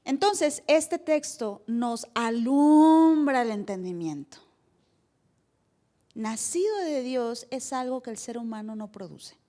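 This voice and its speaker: Mexican lady pastor preaching in church, high voice, joking with the congregation, quizzing them. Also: expressive, slow, mellow. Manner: playful, asks the congregation questions, acts out little dialogues. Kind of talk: sermon. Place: church service before a congregation.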